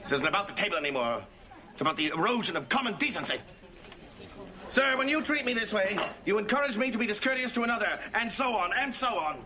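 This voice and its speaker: A man's voice: high-pitched, animated, fast talker, bright, forceful tone. An actor playing a pompous, eloquent American man in his forties in a sitcom, speaking formally and theatrically. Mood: indignant. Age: 40s. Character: pompous, righteous, theatrical older brother. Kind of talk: sitcom acting before a live audience. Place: busy cafe set. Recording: noisy sitcom soundtrack with audience.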